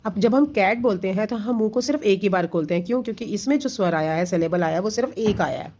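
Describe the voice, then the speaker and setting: Preparing children for an exam, a woman teacher covers grammar in Hindi mixed with English. Her mid-range voice moves at a quick pace with a darkish tone. She goes step by step with patience, often asking something and then supplying the answer herself.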